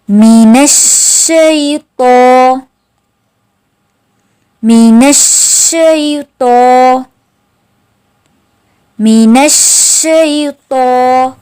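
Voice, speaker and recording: A woman teaching Quran recitation rules, patiently repeating each syllable slowly for listeners to practice. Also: fairly high pitch, creaky, warm tone. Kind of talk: slow tajweed lesson with drawn-out recitation.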